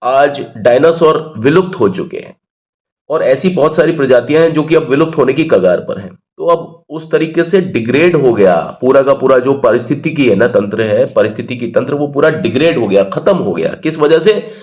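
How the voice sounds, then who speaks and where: A man's voice: mid-range voice, animated, normal speed, a little mellow. A man teaching English grammar, who explains patiently, repeats key words and answers his own questions. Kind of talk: Hindi-medium English grammar lesson.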